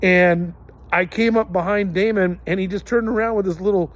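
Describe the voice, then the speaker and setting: A man's voice: sits high, steady tone, normal speed. Earnest middle-aged man telling stories. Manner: earnest, rambling with fillers and restarts. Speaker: podcast host. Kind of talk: casual storytelling monologue.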